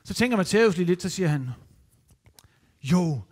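High-voiced man telling a lively story. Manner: lively, animated and playful. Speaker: children's entertainer. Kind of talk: storytelling to children. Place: church.

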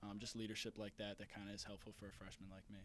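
A young college basketball player giving modest post-game answers full of fillers, into a handheld mic in an indoor hallway. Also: male voice, on the low side, monotone, racing, a bit bright. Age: young adult. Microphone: handheld microphone held by interviewer.

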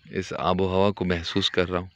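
A man gives calm, devout, descriptive commentary while walking a foggy rural track, filming on a handheld phone. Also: deep voice, moderate pace, no room sound, muffled recording.

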